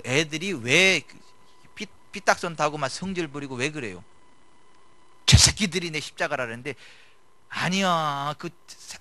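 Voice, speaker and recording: Middle-aged pastor guy preaching, talks like chatting, gets loud then goes quiet, bright edgy voice. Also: fairly high pitch. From South Korea. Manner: conversational preaching with swings from loud to hushed. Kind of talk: sermon.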